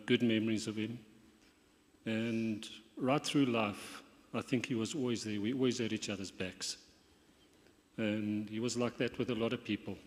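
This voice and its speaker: Older man in a reverberant hall. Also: on the low side. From Zambia. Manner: halting, many fillers like "yeah" and "um". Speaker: brother giving memorial tribute. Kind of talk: memorial speech. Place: hall at a memorial gathering.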